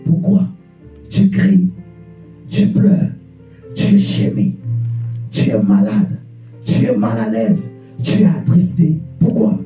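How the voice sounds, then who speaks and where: A man preaching a fervent sermon to a congregation, repeating rhetorical questions and bursting into shouts. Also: medium pitch, big pitch swings, slow, long pauses. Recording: echoey church room, distant mic, faint guitar.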